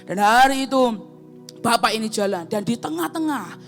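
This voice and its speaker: A woman's voice: moderate pace, faint music behind. A woman evangelist, preaching a sermon as a story and acting out its characters. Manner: animated, acts out characters with big pitch jumps.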